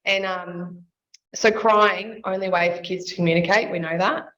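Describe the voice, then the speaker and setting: A woman's voice: fairly low pitch, fairly even intonation, moderate pace, fairly bright tone. A woman explaining child sleep as an expert guest, laying out her points step by step. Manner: explanatory, sets out points in lists. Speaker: sleep and nutrition consultant. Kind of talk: expert explaining in casual interview. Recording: slightly dull audio with faint noise.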